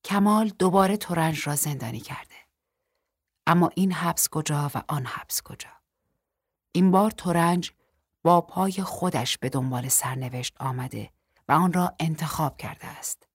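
Low husky woman reading a novel. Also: no echo, clean studio sound. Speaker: audiobook narrator. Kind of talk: scripted first-person novel narration.

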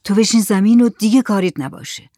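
A storyteller voicing a calm village man who speaks in a reassuring, matter-of-fact way. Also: sits high, dry recording, clean studio sound, natural voice. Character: calm, steady village man, helpful friend.

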